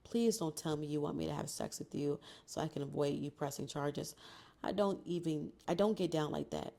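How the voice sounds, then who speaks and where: A flustered, apologetic young woman down on her luck, read aloud by a woman. Her pleading lines come low and gravelly, close to the reader's own voice. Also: moderate pace, mellow.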